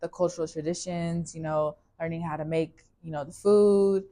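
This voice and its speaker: Telling a personal story in a casual interview, this young Californian woman keeps a moderate pace with a low, level, laid-back voice. She's relaxed, peppering her speech with "like" and "you know."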